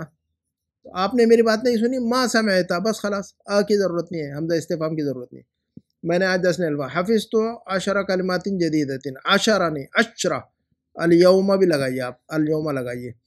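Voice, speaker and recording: A man teaching Arabic grammar, patiently correcting students' homework, repeating rules and slowly spelling out phrases. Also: on the high side. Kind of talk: correcting homework in a language lesson.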